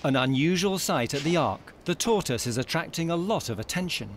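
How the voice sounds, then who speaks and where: A man's voice: fairly high pitch, lively intonation, brisk, a little hiss or hum. A man reading scripted narration as the narrator of a documentary. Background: loud background music.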